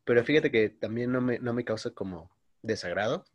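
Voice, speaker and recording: A man in his twenties with a Mexican Spanish accent co-hosts a podcast, telling stories in slangy, casual chat and saying "güey" constantly while coughing. His voice is medium-pitched and a little fast, and the sound is lo-fi with no echo.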